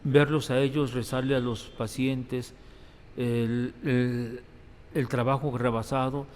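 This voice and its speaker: A man's voice: mid-range voice, flat delivery, slow pace, a little mellow. A Mexican priest and hospital chaplain telling stories of his work in an interview, often repeating words as he thinks. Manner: reflective storytelling, repeats words. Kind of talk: interview testimony. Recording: reverberant room, faint background noise.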